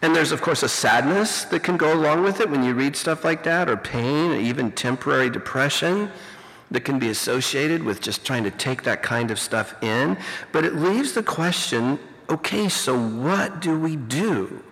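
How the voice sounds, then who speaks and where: A man's voice: a little high, animated, moderate pace, fairly bright tone. A middle-aged man preaching a conversational, reflective sermon as a pastor and teacher, full of "you know", heard through a fuzzy, distorted recording. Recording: distorted, reverberant hall recording.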